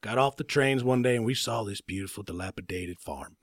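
A man playing an eccentric radio guest who tells rambling, deadpan absurd stories in a comedy sketch. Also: on the low side, brisk, no room sound, clean studio sound.

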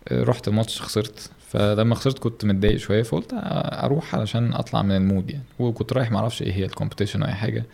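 A man's voice: fairly low pitch, fairly even intonation, rapid-fire, vocal fry, few pauses, darkish tone. A man with an Egyptian Arabic accent, a podcast guest chatting casually and telling stories in an interview.

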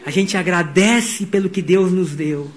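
High-voiced pastor preaching animatedly. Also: male voice, a little slow. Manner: animated storytelling, voicing quotes. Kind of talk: sermon.

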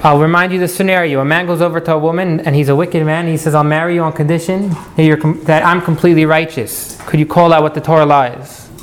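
A man's voice: a little high, steady tone, quick pace, hardly any pauses. A man teaching a class as an interactive lecture, putting questions to his students and repeating key points. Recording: noisy live classroom recording.

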